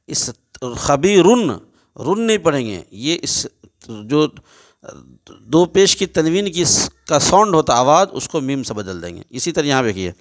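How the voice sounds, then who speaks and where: A man with a slightly high, sing-song voice gives a Quran recitation lesson, spelling out letters and vowel marks step by step. He alternates between chanted recitation and plain spoken explanation.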